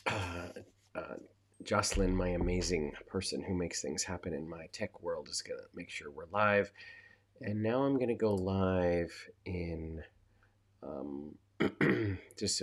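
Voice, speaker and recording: Man, deep voice, nasal from a cold, chatty live-stream coach, lots of ums. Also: normal speed. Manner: chatty, with many fillers and asides. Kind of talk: casual live-stream talk.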